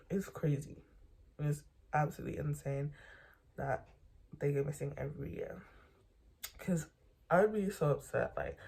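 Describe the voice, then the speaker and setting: Young vlogger, mellow tone, loose rambling late-night monologue from bed, lots of slang and repeats. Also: mid-range voice, vocal fry, breathy edge.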